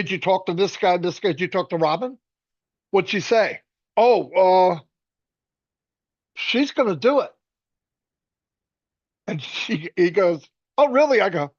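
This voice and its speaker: A man on a webinar telling a story in a casual, animated way, acting out the voices he quotes and restarting often. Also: sits high, dry recording, muffled recording.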